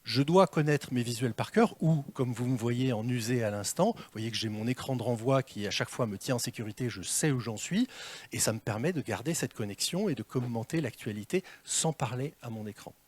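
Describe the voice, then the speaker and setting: A man coaching a live audience on presentation skills, in a lively, theatrical way, asking them questions as he goes. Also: medium pitch, a little fast. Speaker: communication trainer. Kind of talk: live workshop talk to an audience. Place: meeting room with an audience. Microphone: handheld mic.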